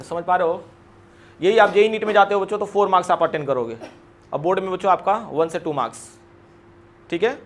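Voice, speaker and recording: A man teaching a chemistry lecture in a classroom, calling his students kids and asking questions that he answers himself. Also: sits high.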